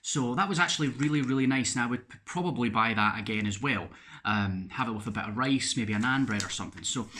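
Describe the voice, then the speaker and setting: A man's voice: mid-range voice, bright, forceful tone. A Scottish man in a casual video diary, chatty, with frequent fillers and repeated words. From Scotland. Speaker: vlogger.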